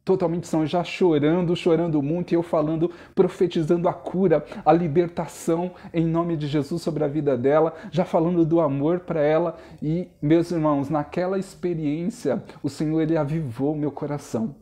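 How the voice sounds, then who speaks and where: A man's voice: a little high, steady tone, moderate pace, few pauses, warm tone. A young adult man, preaching and telling a personal testimony to his congregation in an earnest, storytelling way. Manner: earnest storytelling, addresses listeners as brothers. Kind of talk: sermon testimony.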